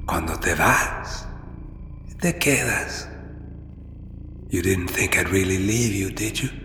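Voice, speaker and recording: An actor playing the ghost of a dead father, speaking slowly and low, switching between Spanish and English. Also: pushed and bright, a little hiss or hum, full character voice. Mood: pleading. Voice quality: slow, deep, mixing Spanish and English. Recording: echoey hall, distant reverb.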